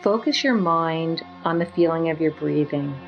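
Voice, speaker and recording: A woman leading a guided meditation with slow, soothing, gentle instructions. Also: sits low, muffled recording, soft background music.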